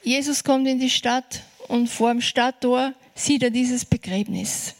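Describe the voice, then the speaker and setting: A woman preaching a sermon, earnest and encouraging, slowing down for emphasis. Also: on the high side, steady tone.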